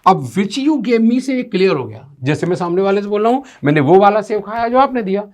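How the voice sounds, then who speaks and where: A man's voice: high voice, very animated, fast, darkish tone. A man explaining English grammar step by step as a teacher, often asking rhetorical questions and reading out English sentences. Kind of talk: classroom-style grammar lesson.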